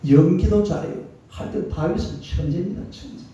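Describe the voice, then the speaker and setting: A man preaches to his congregation in a colloquial, call-and-response style, always asking them to repeat after him. His voice sits high and mellow. The recording is dull and distant, with a heavy hall echo. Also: brisk. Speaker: pastor. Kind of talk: sermon. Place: church sanctuary.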